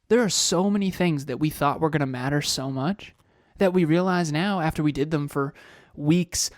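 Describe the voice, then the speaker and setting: A man in his thirties, co-host of a motivational podcast, talks with energy in a slightly high voice with a darkish tone, peppering his speech with rhetorical questions and repeated phrases. There's no echo, and the sound is studio quality.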